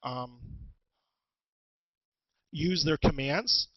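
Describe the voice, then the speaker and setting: Halting man giving a webinar lesson. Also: fairly high pitch, muffled recording. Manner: halting, many ums and restarts. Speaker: webinar presenter, special education teacher. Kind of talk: instructional webinar talk. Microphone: headset with headphones.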